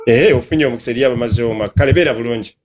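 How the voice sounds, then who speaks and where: A man from Uganda hosting a live video chat, joking and teasing in quick casual talk. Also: mid-range voice. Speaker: live-stream host.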